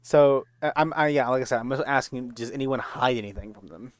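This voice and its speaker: A man narrating a tabletop game as game master in a halting, informal, slangy way. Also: mid-range voice, no room sound, studio quality.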